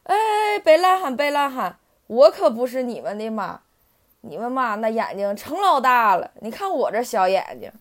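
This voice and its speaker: A woman voicing a big mother duck who scolds loudly but with amusement. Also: a little high, lively intonation, moderate pace. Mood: amused scolding.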